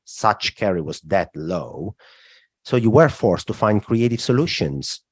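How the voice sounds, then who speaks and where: A man from southern Italy, a podcast guest explaining markets in a thoughtful way, often starting with "look" and pausing on "uh". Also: on the low side, big pitch swings, slightly rough, no echo. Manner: explanatory, frequent "look" and "uh" fillers. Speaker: guest, macro strategist. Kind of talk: podcast interview.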